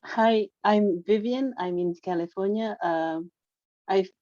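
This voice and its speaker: Halting woman from Singapore, lo-fi call. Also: mid-range voice, warm tone, no echo. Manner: halting, many fillers and restarts. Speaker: network marketing member. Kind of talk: testimonial on a video call. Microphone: video call. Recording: dull lo-fi video call audio.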